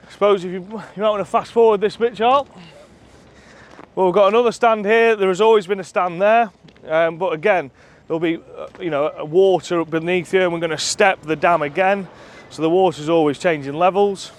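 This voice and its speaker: Speaking a little fast in a high voice with fairly even intonation, a man gives a casual walking tour of his shooting ground while a companion films on a handheld camera. He's chatty, enthusiastic and full of ums, slightly out of breath from walking uphill, moving from outdoors into a clubhouse.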